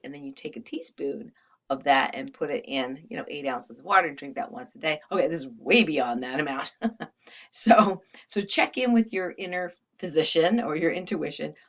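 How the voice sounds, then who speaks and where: A woman's voice: deep voice, highs cut off. A woman leading a casual, guided energy healing session, speaking conversationally with frequent asides.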